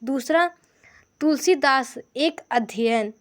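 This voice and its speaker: High-voiced woman teaching grammar. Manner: explains slowly with examples, pointing at notes. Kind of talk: Hindi grammar lesson.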